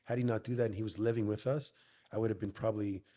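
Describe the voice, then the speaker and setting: Middle-aged gym owner, plain-spoken, lots of swearing, slightly low voice; casual podcast storytelling. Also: male voice, steady tone, fast talker, dark tone. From Canada. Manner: blunt, swears often, says "bro".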